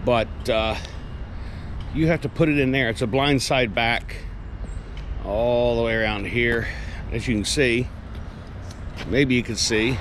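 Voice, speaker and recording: A man's voice: mid-range voice, unhurried, long pauses, a bit bright, slight background noise. A middle-aged man in his fifties, a truck driver vlogging in a casual, rambling way with lots of fillers, filming himself inside his truck cab at night. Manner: rambling, conversational, many fillers. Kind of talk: casual vlog monologue. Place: truck cab at night, earlier outdoors at a loading yard.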